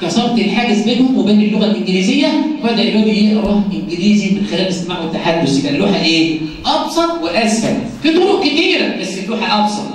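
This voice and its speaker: Fast-talking Egyptian teacher in an echoey room. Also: male voice, high voice, very animated, slight background noise. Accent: Egyptian Arabic. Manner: rhetorical questions with a sing-song, drawn-out delivery. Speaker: teacher trainer. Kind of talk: classroom phonics lesson. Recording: very echoey room, distant mic.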